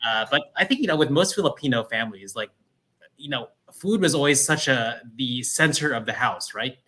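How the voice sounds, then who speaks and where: Man, food founder as interview guest, bright forward voice, upbeat chatty delivery. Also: medium pitch, moderate pace. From New Jersey, US. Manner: energetic, upbeat storytelling with frequent "right?". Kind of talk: casual interview conversation. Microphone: livestream call microphone.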